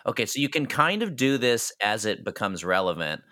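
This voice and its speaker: A man's voice: fairly low pitch, big pitch swings, brisk, pushed and bright, no room sound, clean studio sound. A man narrating a tabletop game as game master, casual and laughing often.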